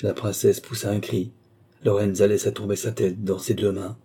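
A male audiobook narrator reads a classic novel in a measured, literary way. His voice sits low and sounds husky, with a dark, mellow tone. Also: level tone.

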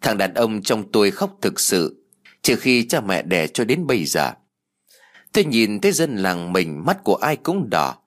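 A man narrating a ghost story in a dramatic, expressive way. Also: on the low side, a little slow. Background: faint music.

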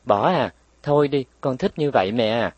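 A man's voice: animated, normal speed, no echo, natural voice. A man voicing a playful, stubborn little girl who bites her playmates, speaking cheekily in a raised voice. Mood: pleading. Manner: pleading, cheeky, raised pitch.

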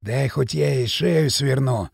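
A man reading an audiobook, voicing a gloomy young thug who mutters quietly and sourly. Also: medium pitch, takes it slowly, dry recording, studio quality, voice pushed down, exaggerated voice. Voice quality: husky, gravelly mutter. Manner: quiet, sour, drawling. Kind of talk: audiobook character voice.

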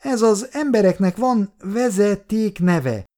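A man voicing an eager, chatty little girl in an audiobook reading, with a high childlike voice. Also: sing-song, a little mellow.

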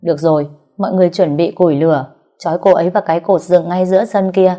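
A woman's voice: on the low side, steady tone, fast talker, mellow, soft background music, close to an everyday voice. A woman voicing a self-assured old male exorcist who brushes off worry in an offhand way. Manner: offhand, confident, dismissive of worry. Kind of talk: audiobook character reading.

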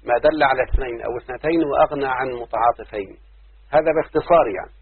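A man lectures on grammar, going through each rule patiently and repeating the main points. His voice has a husky edge, and the recording is dry and narrow, like it came over a phone line. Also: medium pitch, quick pace, dry recording. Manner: explains step by step, repeats key rules and quoted examples. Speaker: grammar teacher. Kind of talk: classroom lecture.

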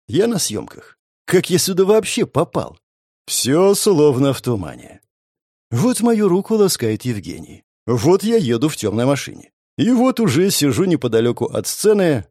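A male narrator reads a first-person story with a lively, sardonic delivery and a slightly raised voice. His pitch jumps around animatedly from line to line. The sound is close and dry. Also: dry recording. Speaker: audiobook narrator.

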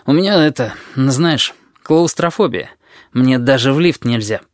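A man doing a halting, gloomy teenage boy. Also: medium pitch, expressive, no room sound, studio quality, natural voice. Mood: confiding. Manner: halting, confiding.

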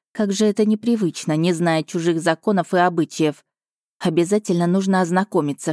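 A woman narrating a first-person fantasy audiobook in a measured, expressive way. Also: on the low side, dry recording, studio quality.

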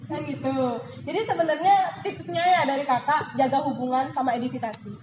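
Female sales team leader, high and animated, echoey lo-fi room with noise behind. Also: quick pace. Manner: lively, animated, acts out examples. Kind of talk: motivational sales talk. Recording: echoey room, dull lo-fi, noisy.

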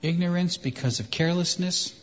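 A man preaching a sermon in short phrases, pausing for his interpreter. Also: sits high. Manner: emphatic, pauses for translation. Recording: echoey hall, dull sound.

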